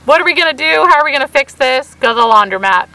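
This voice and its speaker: A woman co-hosting a vlog with a crackly, hoarse voice, chatting casually and telling stories in an animated way. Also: sits high, racing. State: hoarse for weeks. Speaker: vlog co-host. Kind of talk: casual chat to camera.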